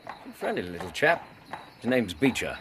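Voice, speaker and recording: A genial, lively English doctor, Watson. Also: male voice, on the low side, moderate pace, slight background noise. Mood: wry, confessional. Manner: polite, genial, wry. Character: good-natured, modest, war-wounded English doctor. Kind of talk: radio drama acting.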